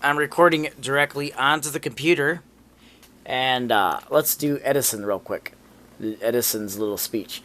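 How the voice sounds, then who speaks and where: A man's voice: mid-range voice, moderate pace, sharp tone. A man giving a casual demonstration as a gear hobbyist. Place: cluttered dim home room.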